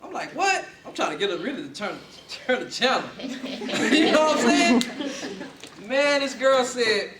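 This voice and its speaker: A young man giving a lively personal story speech to a class, often laughing as he tells it. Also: very high voice, a little slow, far from the mic, very noisy. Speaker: student speaker. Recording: echoey room, mic from afar.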